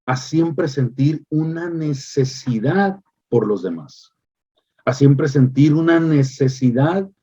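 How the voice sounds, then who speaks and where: Delivering a sermon with emphatic preaching, a male pastor repeats phrases and hesitates with fillers. His mid-range voice is dark and husky, and the recording sounds muffled.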